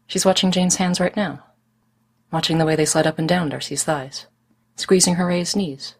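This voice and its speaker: A woman reading a fan fiction story aloud in steady, unhurried narration. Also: sits low, vocal fry, breathy edge.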